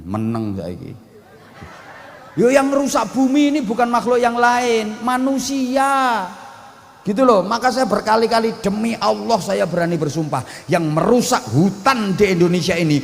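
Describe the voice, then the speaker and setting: A man's voice: high voice, vocal fry, in a large hall. A man preaching a humorous sermon, blunt and joking, mixing in local dialect.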